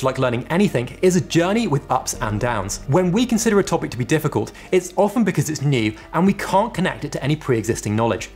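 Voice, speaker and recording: A man's voice: fairly high pitch, darkish tone, breathy edge. British RP man narrating a tutorial. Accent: British received pronunciation. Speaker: YouTube tech educator.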